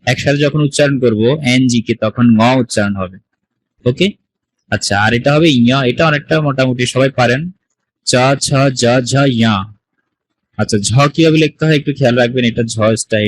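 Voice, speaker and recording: A man's voice: mid-range voice, dry recording, low-quality recording. A man teaching an online language class, explaining patiently step by step and putting questions to his students over a video call. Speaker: Sanskrit teacher. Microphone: computer mic on a video call.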